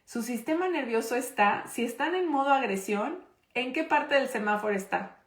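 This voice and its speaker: A woman's voice: on the high side, expressive, normal speed. Emphatic woman teaching in an echoey room. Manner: conversational, checks in with the audience often; emphatic, stresses key points. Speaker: parenting course instructor. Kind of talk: live online class.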